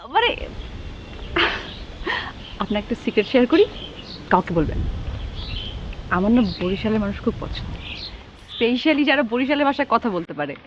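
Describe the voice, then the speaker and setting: A woman's voice: fairly high pitch, slight background noise. A woman acting in a TV comedy drama who talks in a gushing, flirty way, with many breathless exclamations. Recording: dull lo-fi TV audio with music.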